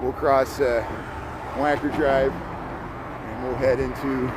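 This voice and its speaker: A middle-aged livestream host from Indiana, with a mix of Chicago and Midwestern accents, walks snowy city streets chatting casually with viewers and often repeating words. His mid-range voice has little pitch movement and a slow pace, with traffic and city noise behind him.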